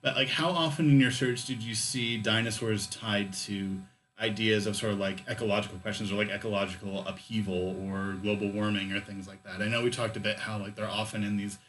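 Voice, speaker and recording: A man hosting a podcast, asking questions in a relaxed, curious way. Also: on the low side, a little fast, slight background noise. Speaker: podcast host. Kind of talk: casual interview.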